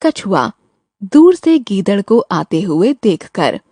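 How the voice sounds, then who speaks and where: Woman reading stage directions slowly. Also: mid-range voice, big pitch swings, mellow, dry recording, studio quality. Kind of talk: scripted narration.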